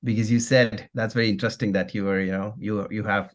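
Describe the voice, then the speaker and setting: A man's voice: fairly low pitch, flat delivery, fast talker. Man hosting a podcast interview. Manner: reads the intro, then asks rambling questions with fillers. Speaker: podcast co-host.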